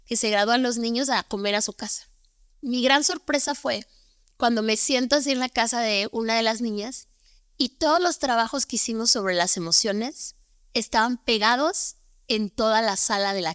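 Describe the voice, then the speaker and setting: A woman's voice: a little high, a bit bright, smooth, no echo, studio quality. A young adult woman, a teacher, telling stories earnestly and often tagging her points with a questioning "¿no?". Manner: earnest, repeats words, tags with "¿no?". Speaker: guest, teacher. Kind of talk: conversational storytelling.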